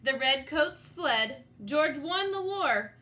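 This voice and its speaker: High-pitched, bright and forceful, this woman reads a children's storybook slowly and expressively. Her manner is dramatic and teacherly, and she speaks directly to her young audience now and then.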